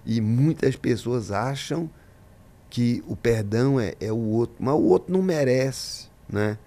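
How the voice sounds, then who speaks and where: Gravelly, animated pastor. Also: male voice, medium pitch, a little slow. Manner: emphatic, acts out dialogues in his stories. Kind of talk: podcast interview, preaching-style storytelling.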